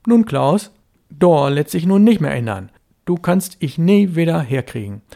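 Man playing a firm, caring mother, loud and brisk, gravelly edge, storybook. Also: fairly high pitch, animated, pitched above the performer's own voice.

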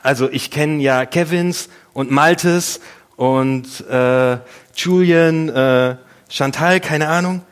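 Chatty pastor preaching casually. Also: male voice, on the high side, takes it slowly, smooth. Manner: chatty and storytelling, with playful asides. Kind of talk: casual, humorous sermon.

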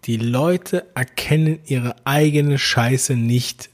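A man's voice: medium pitch, slow. A man giving casual reaction commentary on a TV clip, blunt and slangy with crude asides.

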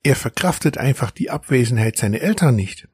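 A man voicing a calm, serious middle-aged father in a children's story, speaking in a measured way. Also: mid-range voice, breathy edge, no echo, studio quality.

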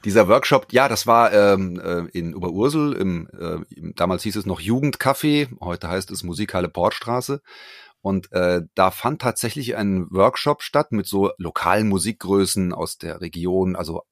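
A man, a performer answering interview questions over a remote call, relaxed and hesitant with many fillers. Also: low voice, moderate pace, no room sound, clean studio sound. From Frankfurt, Germany. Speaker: guest, a cappella performer. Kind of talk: casual interview.

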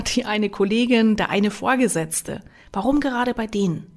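A woman coach talks to the listener in a motivational self-help style. Her delivery is lively, and she keeps asking direct rhetorical questions. Her pitch sits in an ordinary middle range.

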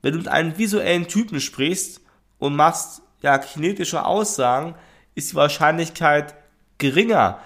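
A man's voice: a little high, moderate pace, a bit bright. A man giving an instructional talk on workplace safety communication. He speaks in a conversational way, addresses the listener directly, explains with spoken examples and adds tag questions.

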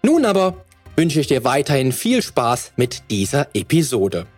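A man's voice: medium pitch, very animated, unhurried, a little mellow, husky, faint music behind. A man hosting a fitness podcast, reading a sponsor spot and then asking long, searching questions. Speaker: podcast host.

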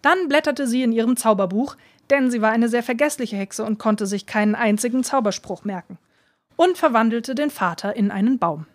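Clear-voiced woman reading a storybook. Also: a little high, moderate pace, no echo. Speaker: reader.

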